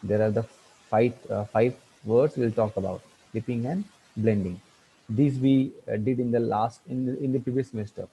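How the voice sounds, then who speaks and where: Male lecturer, mellow and breathy, halting online grammar class delivery. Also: mid-range voice, fairly even intonation, poor audio. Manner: halting, many fillers and restarts, spells words out letter by letter. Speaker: teacher.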